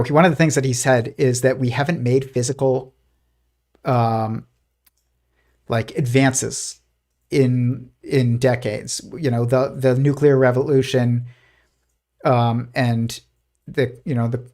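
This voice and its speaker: A man's voice: mid-range voice, steady tone, a little slow, long pauses, a little mellow. A man hosting a live physics stream, talking casually and rambling with lots of fillers and restarts. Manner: puts on a posh old-timey voice when quoting. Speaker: host of a live physics show.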